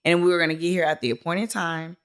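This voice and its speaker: A woman co-hosting a podcast with a somewhat low voice. She speaks emphatically and builds her points in rhythmic lists. She chimes in often with quick affirmations. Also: fairly even intonation, smooth. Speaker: podcast co-host. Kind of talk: casual heartfelt chat.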